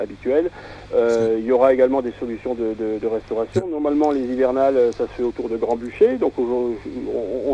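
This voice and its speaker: A man's voice: medium pitch, warm tone, slight background noise. Man on a dull, muffled phone line. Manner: hesitant, repeats words often. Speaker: campsite organizer, phone guest. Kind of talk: radio phone interview.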